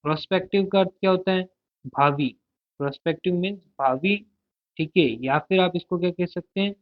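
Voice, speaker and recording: A man's voice: high-pitched, fairly quick, no echo. Repetitive male vocabulary teacher, tinny sound. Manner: asks a question, then answers it, repeating words. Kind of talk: vocabulary lesson. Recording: tinny, dry, phone-like sound.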